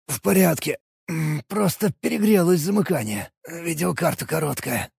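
A man's voice: on the high side, very animated, slow pace, a little mellow, dry recording, studio quality, exaggerated voice. A man voicing a dazed young man in pain in an audiobook, strained, with words jumbled. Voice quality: gravelly, raspy. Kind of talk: audiobook character voice.

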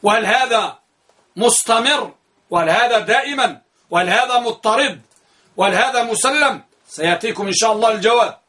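A man's voice: high voice, brisk, sharp tone. A man teaching a grammar lesson. He asks the class questions, answers them himself, and repeats key phrases for emphasis.

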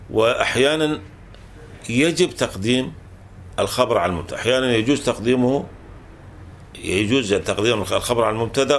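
A man's voice: medium pitch, a little hiss or hum. A man teaching a classical grammar text, explaining patiently and restating each rule several times with small self-corrections.

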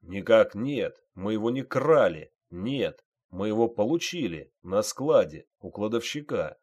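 Man doing a frightened young private, strained loud answers, lowish voice. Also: big pitch swings, measured pace. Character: young male private, scared, drugged and confused.

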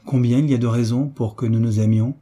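A man's voice: medium pitch, fairly even intonation, quick pace, warm tone, close to an everyday voice. A man reading an audiobook voices a timid young orphan heiress, hesitant and earnest, in a raised voice.

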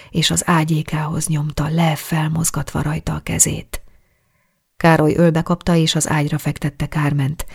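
An audiobook reader narrating a romance story calmly and in a measured way. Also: mid-range voice, creaky, slightly rough. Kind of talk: scripted narration.

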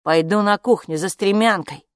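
A woman's voice: medium pitch, normal speed, dry recording, clean studio sound, natural voice. A woman voicing a sensible boy who speaks steadily and firmly in an audiobook. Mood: steady. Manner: steady, coaxing and firm. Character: sensible boy, calm and in charge. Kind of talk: audiobook character voice.

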